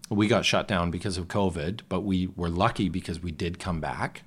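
A man's voice: low-pitched, normal speed, husky. A man, a musical theatre actor, talking as a guest in a casual conversation, reflective and rambling, often restarting his sentences.

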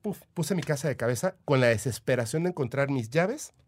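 This Mexican-accented man is a podcast guest swapping stories in a casual chat, his medium-pitched voice animated and brisk. He sounds chatty and eager, peppering his speech with "o sea" and "este."

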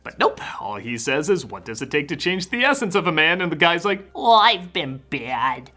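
A man's voice: fairly high pitch, animated, a little fast, sharp tone, faint music behind. A man giving a sarcastic comedic film review, jumping into exaggerated mock voices.

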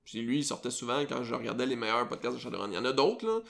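A man with a Quebec French accent hosts a casual podcast chat, wandering through his explanations with frequent fillers and restarts. His voice has a gravelly, creaky edge. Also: medium pitch, lively intonation, racing, a bit bright. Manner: rambling, lots of fillers and self-corrections. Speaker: podcast host.

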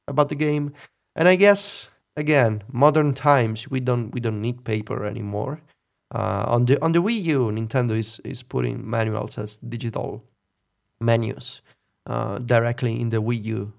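A man's voice: mid-range voice, gravelly. A man, co-hosting a casual podcast chat and musing wryly with opinions. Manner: musing, opinionated, wry laughter. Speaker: podcast co-host.

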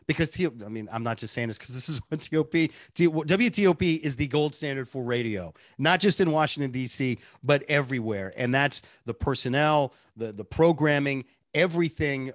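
A man's voice: medium pitch, no echo, studio quality. A man from Boston, a radio producer and sidekick, telling his story in an earnest, chatty interview with self-deprecating asides. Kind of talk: casual interview chat.

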